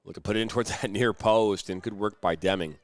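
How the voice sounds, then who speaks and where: Speaking fast in a fairly low voice, a play-by-play commentator covers a youth soccer game from the booth at a soccer complex. He keeps up a chatty stream of sports commentary and spends a long time explaining the referee's calls.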